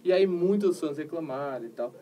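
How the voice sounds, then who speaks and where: An interviewer with a Brazilian accent, chatting casually and agreeably, often tagging sentences with quick questions. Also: mid-range voice, expressive, muffled recording. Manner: agreeable, frequent tag questions. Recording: distant mic, faint background noise.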